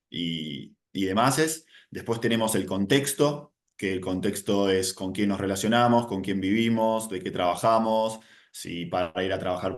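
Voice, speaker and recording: Low-voiced young Argentine man explaining. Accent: Rioplatense Spanish. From Buenos Aires, Argentina. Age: 20s. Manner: relaxed, explanatory, many fillers. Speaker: nutritionist guest. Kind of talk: sit-down interview.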